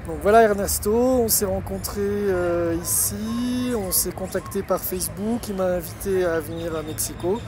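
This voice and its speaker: A man giving a voice-over interpretation of a signed travel vlog, pausing often. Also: high-pitched, music in the background. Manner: hesitant, many pauses.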